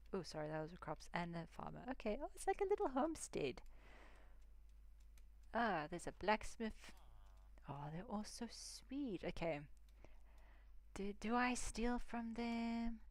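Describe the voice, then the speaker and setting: Woman streaming a game, slow and chatty, whispers little asides, dry close mic. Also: fairly low pitch, sing-song, dry recording. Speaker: gaming streamer. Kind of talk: casual gameplay commentary.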